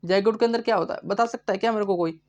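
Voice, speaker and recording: A man's voice: high-pitched, racing, darkish tone. A male biology teacher giving a live online lecture, asking questions and answering them himself, repeating each key term. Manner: chatty, addresses students as bhai.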